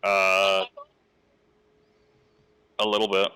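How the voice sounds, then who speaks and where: A man's voice: low voice, monotone, extremely slow, bright, forceful tone, smooth, no room sound. A man playing a tabletop game, speaking in brief, matter-of-fact remarks. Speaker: player.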